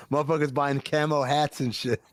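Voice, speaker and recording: A man's voice: a little high, little pitch movement, unhurried. A man co-hosting a podcast, casually telling a crude news story with frequent laughter. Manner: loose storytelling, laughs often, profane. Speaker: podcast co-host. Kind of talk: casual chat.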